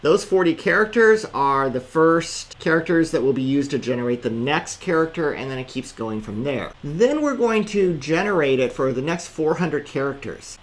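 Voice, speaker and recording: A man teaching a course, walking through code step by step in a screencast lecture with dry asides. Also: fairly high pitch. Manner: methodical step-by-step walkthrough. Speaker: course instructor.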